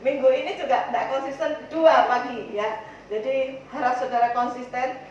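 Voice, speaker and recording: A high-pitched woman pastor with an East Javanese accent, talking chattily to her congregation and slipping into little acted-out conversations. She is heard from a distance in a strongly echoing church hall, the sound a bit dull, with faint room ambience behind her. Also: steady tone, moderate pace, a little mellow. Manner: chatty, addresses listeners as "saudara" constantly, acts out dialogues. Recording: echoey church hall from far off.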